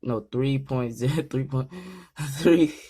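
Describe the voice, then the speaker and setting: Young male vlogger, jittery and chatty, trips over words while setting up a PC; mid pitch. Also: takes it slowly, warm tone, slightly rough. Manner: nervous, rambling, stumbles over words. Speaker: gaming channel host. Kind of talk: casual vlog commentary.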